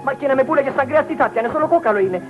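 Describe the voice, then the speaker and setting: A jittery, flustered cousin who stammers and fusses in a high, nasal-thin voice. The sound is a dull old film soundtrack with music playing underneath. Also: male voice, animated. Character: nervous, flustered middle-aged male cousin.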